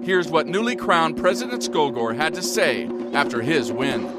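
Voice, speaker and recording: A man playing an earnest, polished public-radio news host in a post-apocalyptic comedy, with deadpan delivery. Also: fairly high pitch, moderate pace, over loud music.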